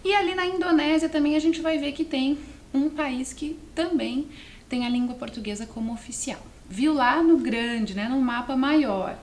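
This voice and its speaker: Teaching a language on television, a Brazilian woman with a southern accent and a high voice addresses her students in a didactic, explanatory way. Questions and checking tags come up often, and her voice carries a roomy echo over faint background noise.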